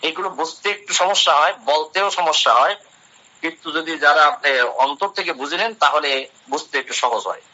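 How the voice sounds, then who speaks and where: Explaining Quran verses in a religious talk, this man speaks a little high and fairly quickly with a sharp tone. He translates the Arabic one phrase at a time and raises his own questions before answering them, all on a dull, lo-fi recording.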